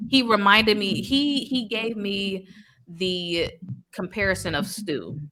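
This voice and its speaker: A woman hosting a podcast, chatting casually and with animation about a movie, slangy and quick to laugh. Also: mid-range voice, sharp tone, a little hiss or hum. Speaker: podcast host. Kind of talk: casual movie recap chat.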